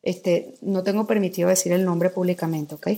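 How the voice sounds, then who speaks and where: A woman's voice: fairly low pitch, fairly even intonation, moderate pace, warm tone. A middle-aged woman from Mexico, a guest telling her personal story with vivid, candid emotion. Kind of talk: personal testimony in a podcast conversation.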